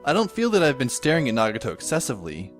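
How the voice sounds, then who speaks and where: In an amateur audio drama, a man narrates and plays the lead, a sardonic, exasperated teenage schoolboy, in a wordy, dry, wry style. His medium-pitched voice swoops wildly and moves quickly, with faint music in the background.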